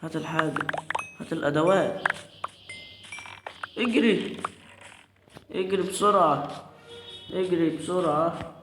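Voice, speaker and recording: A man with an Egyptian Arabic accent giving excitable live commentary over his own gameplay, repeating his words and shouting orders at the screen. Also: fairly high pitch, a little slow, long pauses. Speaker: gamer. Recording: echoey room with clear background noise.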